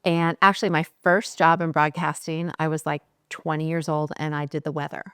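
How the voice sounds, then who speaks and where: A chatty woman in her forties from California, with a low, smooth voice. She talks casually as an interview guest and laughs easily. The sound is dry and close. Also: little pitch movement, fairly quick, fairly bright tone, no room sound. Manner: chatty, laughing, many fillers. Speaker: guest, skincare founder.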